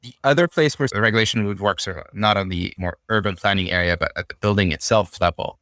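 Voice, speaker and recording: A young man from Syria, a podcast guest, talking through ideas in a relaxed, thoughtful way with frequent fillers. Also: fairly low pitch, fast, no echo, studio quality. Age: young adult. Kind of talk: casual conversational interview.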